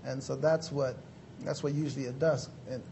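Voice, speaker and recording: Speaking at a moderate pace, this man has a medium-pitched, gravelly yet mellow voice with fairly even intonation, plus slight background noise. He is a motivational speaker from Mexico in his thirties, answering interview questions earnestly with frequent "you know"s and a polite "yes sir."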